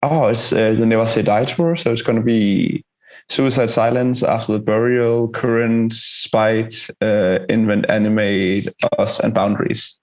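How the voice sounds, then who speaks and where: A man with a gravelly voice, laid-back and a little hesitant, chatting casually in an interview as a band musician. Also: lowish voice, fairly even intonation, a little slow, a little mellow. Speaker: touring metal band musician being interviewed.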